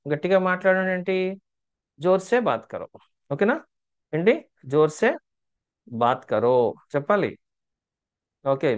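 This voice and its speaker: A fairly high-voiced man leads an online language lesson. He drills each phrase again and again, quizzing and gently teasing his students. The sound is dull and lo-fi, like a web class. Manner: teasing, chatty asides to learners. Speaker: Hindi teacher. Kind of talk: online spoken Hindi lesson in Telugu.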